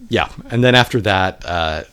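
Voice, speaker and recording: A man, a musician guest in a casual interview, talking in a relaxed, rambling way with self-deprecating humor. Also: sits low, moderate pace, clean tone. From California, United States.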